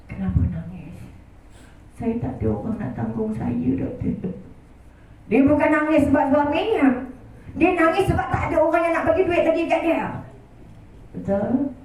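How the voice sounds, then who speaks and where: A woman with a Malaysian Malay accent delivers a sermon in a high voice, dramatic and prayerful, dropping from loud appeals to hushed pleas. She is caught from a distance in a very echoey prayer hall, with faint noise behind her. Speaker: religious lecturer.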